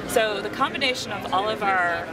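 A man presenting software at a trade show booth, explaining steadily with frequent ums. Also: high voice, normal speed. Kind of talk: product demo. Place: busy trade show floor. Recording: loud crowd noise behind. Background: loud crowd chatter.

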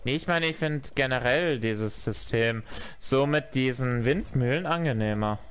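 A man chatting casually as he streams a game, phrasing things haltingly. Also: medium pitch, slight background noise. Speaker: gaming streamer. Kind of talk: casual gameplay chat.

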